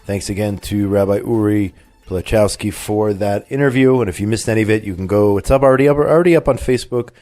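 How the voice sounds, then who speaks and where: Faint music plays behind a man whose voice is on the low side, quick, and darkish. Suffering from a cold, he hosts a talk radio show, chatting and reading news conversationally with frequent fillers, restarts, and strong opinions.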